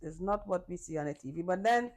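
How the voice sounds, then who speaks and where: A woman's voice: fairly low pitch, fast. A middle-aged woman with a Trinidadian accent, a calypsonian guest talking casually and often repeating herself for emphasis. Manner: relaxed, repeats phrases for emphasis. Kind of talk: casual conversation.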